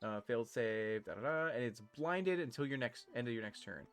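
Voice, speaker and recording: Easygoing male game master, medium pitch. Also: lively intonation, fairly quick, clean tone, soft background music. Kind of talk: casual tabletop game narration.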